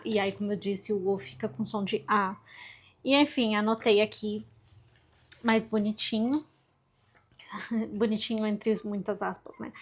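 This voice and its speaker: A woman vlogging informally about her language studies, chatty and self-deprecating as she thinks aloud while working through her exercises. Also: a little high. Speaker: book vlogger. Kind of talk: informal study vlog.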